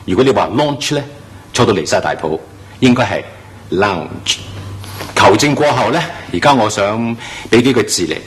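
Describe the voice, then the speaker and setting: The speaker is a man teaching English pronunciation in a classroom manner. Model words come out slow and drawn out, delivered with emphasis and an animated pitch.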